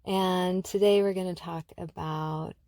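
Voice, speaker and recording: A woman from Algeria hosting her own podcast, speaking thoughtfully with many pauses and restarts as she reflects. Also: fairly low pitch, steady tone, warm tone, no echo, clean studio sound. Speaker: podcast host. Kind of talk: reflective solo podcast talk.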